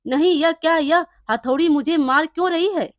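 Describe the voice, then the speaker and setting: A woman's voice: high voice, unhurried, fairly bright tone, no echo, studio quality. A woman voicing a jealous, scheming male village blacksmith in a storybook tale. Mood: panicked.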